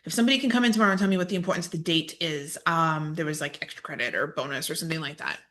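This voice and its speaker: A woman from the United States in her thirties co-hosts a casual podcast. Her voice is a little low. She talks in a chatty, effusive way and restarts her sentences often. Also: racing, fairly bright tone. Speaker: podcast co-host. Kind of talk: casual chat.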